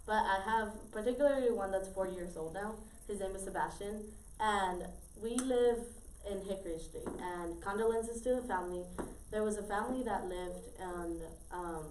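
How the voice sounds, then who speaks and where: A woman's voice: medium pitch, a little mellow. A teenage girl casually telling a story to friends, rambling with lots of fillers and restarts. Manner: rambling, many fillers and repeats. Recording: roomy, far from mic, faint noise.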